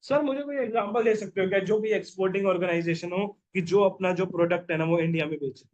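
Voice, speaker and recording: A man's voice: high voice, fast, highs cut off, slight background noise. A young man teaching a revision lecture, playful and jokey, who keeps quizzing his listeners with "yes or no?".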